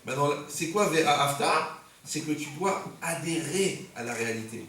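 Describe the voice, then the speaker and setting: A man's voice: a little high, animated, normal speed, pushed and bright, recorded from a distance. A male rabbi giving a humorous sermon to a congregation, joking and firing rhetorical questions at his listeners. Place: community center hall. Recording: echoey hall recorded from afar, faint noise.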